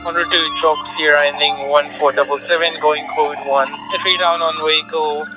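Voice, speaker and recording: A man's voice: fairly high pitch, flat delivery, normal speed, over music. Man over a muffled two-way radio. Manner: clipped radio procedure talk. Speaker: rescue crew member. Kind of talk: radio dispatch call.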